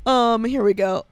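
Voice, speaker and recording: A woman's voice: fairly high pitch, clean tone, no echo, studio quality. A woman hosting a podcast, reading listener gripes aloud and chatting loosely, laughing often and swearing. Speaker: podcast host.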